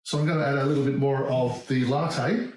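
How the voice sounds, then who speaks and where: Aussie guy talking thru a diy job as he goes, relaxed, roomy echo. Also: medium pitch, a little fast, slight background noise. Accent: Australian. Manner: relaxed, talks through each step as he works. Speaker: DIY demonstrator. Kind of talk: hands-on how-to demonstration.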